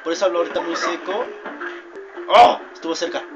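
A young man talks his way through a video game, rambling, drifting off topic and shouting whenever something goes wrong. His voice sits a little high for a man. The audio is dull and lo-fi, with loud game music playing underneath. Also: level tone, very fast. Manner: rambling, easily distracted, shouts at game mishaps. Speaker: gamer. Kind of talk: gameplay commentary.

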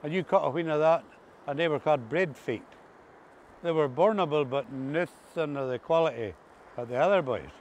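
On a grassy path by the sea, an older man with an Ulster Scots accent reminisces casually about farm life in broad rural dialect. He's an interviewee whose voice runs on the high side at a moderate pace, with clear outdoor ambient noise around him.

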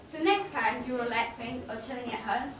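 A woman's voice: fairly high pitch, moderate pace, a crowd in the background. A woman giving a humorous prepared speech to an audience, playfully acting out little scenes. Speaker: student speaker. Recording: echoey hall, mic far off, audience.

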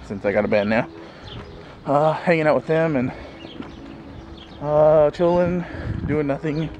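This vlogger, a man in his thirties, talks aimlessly to a handheld camera at arm's length in a bright backyard, peppering his speech with fillers and little laughs. His slightly high voice moves at a measured pace, the high frequencies are cut off, and faint outdoor noise is audible.

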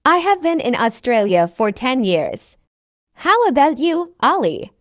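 Slowly and with careful diction, a woman reads out a basic English dialogue for language learners, saying each line twice. Her voice sits high with a sing-song lilt and moves a little slowly. The studio-quality audio has no echo.

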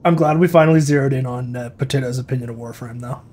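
Husky-voiced man teasing on voice chat. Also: mid-range voice, fast, a little mellow. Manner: dry, teasing. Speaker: fellow player. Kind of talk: casual gaming chat.

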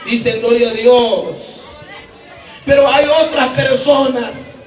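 High-voiced fervent man preaching, echoey. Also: steady tone, takes it slowly. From Guatemala. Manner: fervent, shouting and asking the crowd for replies. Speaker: evangelist preacher. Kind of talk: sermon. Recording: echoey room from far off.

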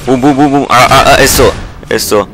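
Excitable young gamer. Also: male voice, mid-range voice, normal speed, over music. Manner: excitable, swears and repeats words in bursts. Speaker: gameplay commentator. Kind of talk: casual live gameplay commentary.

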